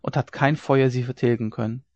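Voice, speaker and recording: A man's voice: medium pitch, steady tone, brisk, dry recording, natural voice. Man doing an out of breath gossipy farm girl, raised voice, dry lo-fi sound. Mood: agitated. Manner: breathless, hushed when telling secrets. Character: excited gossiping young farm maid.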